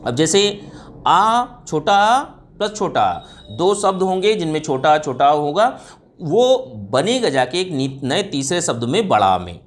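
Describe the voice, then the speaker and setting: A man's voice: on the high side, big pitch swings, a little slow, faint music behind. A man giving an exam-prep Hindi grammar lesson, explaining step by step, repeating himself, asking students questions and stretching out example sounds.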